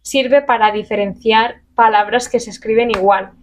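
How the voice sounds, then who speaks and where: A woman from teaching a Spanish grammar lesson to camera in a lively, chatty way, acting out little example questions. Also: fairly high pitch, normal speed, slight background noise.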